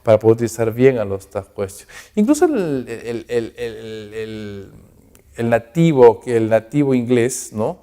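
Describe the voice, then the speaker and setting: A man teaching an English grammar class to students, explaining example sentences and checking in constantly with quick questions. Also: medium pitch, big pitch swings, mellow. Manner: switches between Spanish and English example sentences; addresses students directly. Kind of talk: recorded class lecture.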